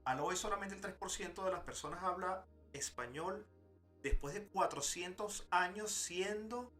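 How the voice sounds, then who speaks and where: A co-host in a casual podcast chat who asks questions eagerly and sometimes speaks fast. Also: medium pitch, sharp tone, soft background music.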